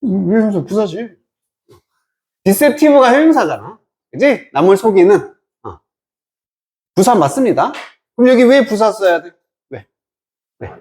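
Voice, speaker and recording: A man teaching an English reading lesson, asking and answering his own questions and drawing out English words slowly. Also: high-pitched, very animated, a little mellow. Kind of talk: lecture.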